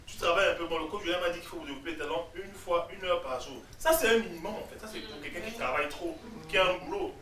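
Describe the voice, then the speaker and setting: Male guest speaker, high bright voice, echoey room, distant mic. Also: fast, hardly any pauses. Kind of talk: faith testimony.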